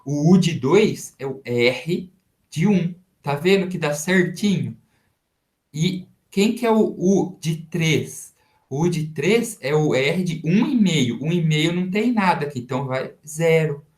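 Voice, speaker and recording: A man's voice: fairly high pitch, expressive, darkish tone. Man, Brazilian Portuguese accent, professor, recorded math lecture, asks questions and answers them himself, echoey room. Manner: slow step-by-step explaining with rhetorical questions to students. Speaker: university professor. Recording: roomy echoey sound.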